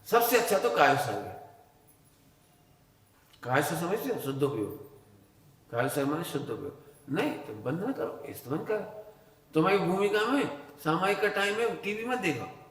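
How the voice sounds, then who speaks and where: A man's voice: on the high side, very animated, normal speed, long pauses, fairly bright tone. A man giving a religious discourse as a Jain preacher, telling stories and acting out their dialogue. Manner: storytelling with acted dialogue. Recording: echoey hall reverb, faint ambience.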